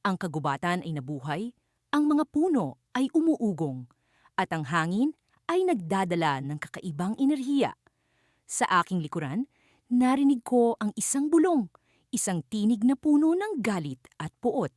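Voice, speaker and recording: Expressive woman narrating a fantasy storybook. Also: mid-range voice, moderate pace, no echo, clean studio sound. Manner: expressive, dramatic. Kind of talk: first-person storybook narration.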